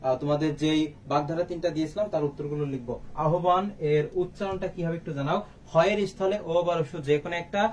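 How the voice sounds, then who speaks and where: In a live online exam-prep session, a man with a fairly high, somewhat mellow voice quizzes students and then answers his own questions. There's faint background noise, and the microphone is a little distant.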